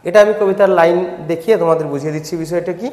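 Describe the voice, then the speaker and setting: A man's voice: high-pitched, very fast, darkish tone, roomy sound, in a large hall. A man with a Bengali accent, teaching a poem line by line, explaining patiently and step by step to students.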